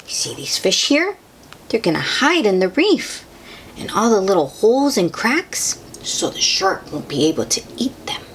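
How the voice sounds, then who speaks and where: The host of a picture-book reading for children reads aloud at a moderate pace, pausing to add easy comments and questions for young listeners in a wondering tone. She has a medium-pitched voice with big pitch swings, and there is slight background noise.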